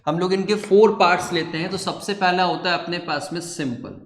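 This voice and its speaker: In an echoey room, a high-voiced man speaks fairly quickly as he leads a coaching class. He chats and tells stories, cracks a joke, and explains grammar, frequently checking in by saying "ठीक है" (okay).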